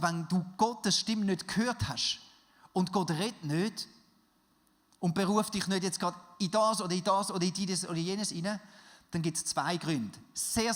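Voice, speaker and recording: A man with a Swiss German accent preaching a sermon, swinging from loud urging to soft, quiet passages. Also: high voice. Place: large church hall. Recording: long reverb of a big hall.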